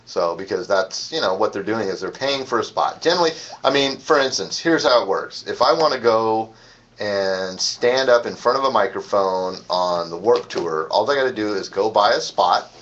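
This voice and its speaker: A man's voice: lowish voice, lively intonation, normal speed, fairly bright tone, slight background noise. A man hosting a casual live-stream chat show, rambling through long explanations and laughing often. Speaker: show host. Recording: dull lo-fi stream audio.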